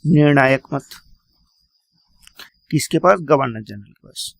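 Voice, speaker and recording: Gravelly male teacher lecturing. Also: mid-range voice, animated, a little slow, no room sound. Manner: repeats key points and quizzes students; addresses students as "beta". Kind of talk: classroom lecture.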